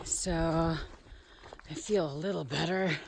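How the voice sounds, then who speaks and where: A woman vlogging on a high mountain trail, wry and exclamatory, cheerfully complaining and swearing casually, filmed on a handheld camera outdoors. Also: fairly even intonation, slow, vocal fry, low-quality recording. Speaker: long-distance hiker vlogging the trail. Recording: loud wind noise, outdoors.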